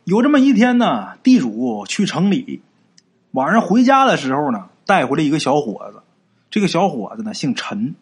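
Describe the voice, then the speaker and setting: A man narrating a folk ghost story in a lively storytelling manner, asking and answering his own questions. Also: fairly high pitch, slightly rough. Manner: drawn-out phrase endings with 啊 and 呢.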